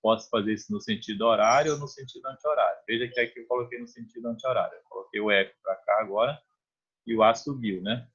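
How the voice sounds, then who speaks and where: Brazilian male math teacher, husky, mid-pitched, talks students through each step, dull lo-fi class audio. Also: fast, a bit bright. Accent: Brazilian Portuguese. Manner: explains step by step, often checks with "né?" and "tá?"; conversational, restarts phrases while drawing. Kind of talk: online math lesson.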